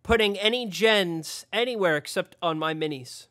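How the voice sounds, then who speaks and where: A man's voice: high voice, normal speed, sharp tone, dry recording, clean studio sound. A man co-hosting a gaming stream in casual banter, joking around and laughing often. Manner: joking, giggly, mock foreign phrases. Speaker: gaming channel co-host.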